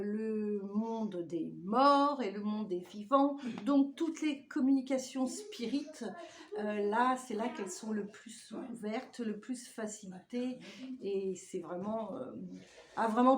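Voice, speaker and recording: A woman with a slightly high voice talks casually at home, chatty and prone to rambling off on tangents. A faint hiss sits behind her in the recording. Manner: chatty, digressive, laughs often. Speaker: vlogger. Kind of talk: casual unboxing chat. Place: home indoors.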